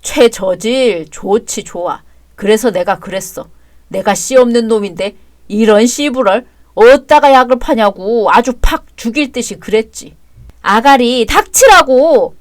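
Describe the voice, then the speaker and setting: A woman's voice: mid-range voice, measured pace, a little mellow, no echo, lightly acted. A woman doing a crude drunk husband, drawling. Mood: drunk taunting. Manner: slurring, taunting, drawled. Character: crude drunken boastful husband, adult man. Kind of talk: dramatized story reading.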